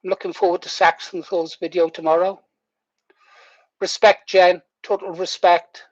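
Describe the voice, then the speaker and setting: A man's voice: high-pitched, little pitch movement, moderate pace. A man over sixty, chatting casually to viewers as he hosts a livestream. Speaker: livestream host. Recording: muffled, echoey room.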